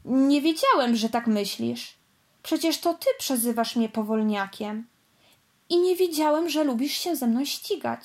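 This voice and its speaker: A woman's voice: on the high side, expressive, measured pace. A woman voicing a grumpy young boy race car in a storybook, sulky and complaining. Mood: earnest. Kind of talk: storybook read-aloud.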